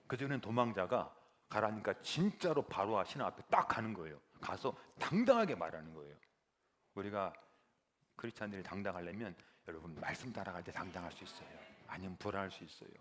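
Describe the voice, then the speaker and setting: A man preaching a sermon as pastor, animated and building to loud emphatic peaks. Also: lowish voice.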